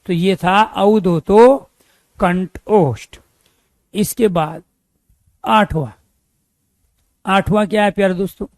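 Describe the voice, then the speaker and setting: Stretching key terms out slowly and quizzing students with repeated questions, a man delivers a Hindi grammar lecture for exam prep. His pitch sits high, and there's no room sound.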